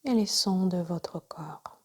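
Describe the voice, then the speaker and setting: A woman with a lowish voice instructs a guided yoga nidra relaxation, speaking softly and breathily and often almost whispering. Her phrases are short, calm and measured.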